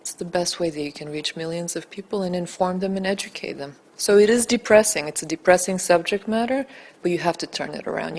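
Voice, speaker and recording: A native Bulgarian woman with a low voice answers interview questions as a documentary director. She speaks in an earnest, deliberate and emphatic way.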